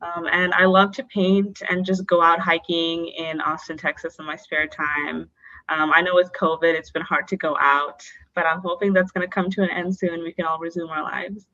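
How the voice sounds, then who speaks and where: In muffled audio, a young woman from North Dakota, originally born in Bangladesh, gives open interview answers on a podcast, full of "um" and "like." Her fairly low voice moves little in pitch, sounding pushed and bright at a moderate pace.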